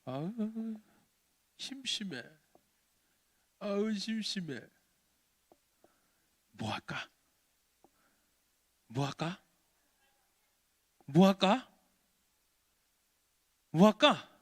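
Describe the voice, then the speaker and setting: A man's voice: sits high, big pitch swings, very slow, long pauses, breathy edge, no room sound, heavily acted. A man voicing a bored, mischievous little boy who teases grown-ups with a whiny sing-song voice.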